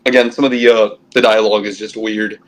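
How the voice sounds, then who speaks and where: Young male podcast co-host, rapid excitable delivery, low-quality phone stream audio. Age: young adult. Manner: quick, excitable, many restarts. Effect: low-quality phone recording of a stream. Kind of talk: casual fan podcast chat.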